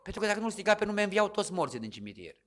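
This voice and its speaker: Animated Romanian-born preacher, bright voice. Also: male voice, sits high. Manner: dramatic preaching, swinging from hushed to loud exclamations. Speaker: pastor. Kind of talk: sermon.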